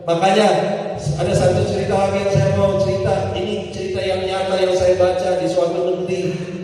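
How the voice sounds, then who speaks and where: A man preaching a sermon in a sing-song delivery, swinging between loud highs and soft lows. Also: completely flat delivery, moderate pace. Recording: echoey hall from far off.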